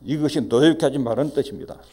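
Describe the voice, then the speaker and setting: A man's voice: medium pitch, rapid-fire, mellow, breathy edge. A middle-aged male pastor, preaching emphatically and acting out parents in quoted asides. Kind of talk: sermon.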